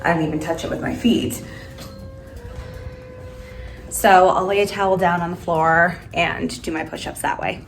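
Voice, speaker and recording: A woman's voice: lowish voice, fairly even intonation, moderate pace, pauses often, faint music behind. A woman who works as a flight attendant, chatting candidly through her workout routine in a hotel room. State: out of breath at times. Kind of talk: casual workout vlog.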